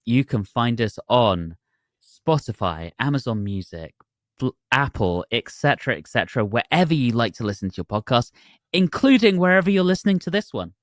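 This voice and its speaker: A man's voice: mid-range voice, sing-song, normal speed, no room sound. Joking Englishman, dry close voice. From England. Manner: self-deprecating, joking. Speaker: podcast guest. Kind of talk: casual chat.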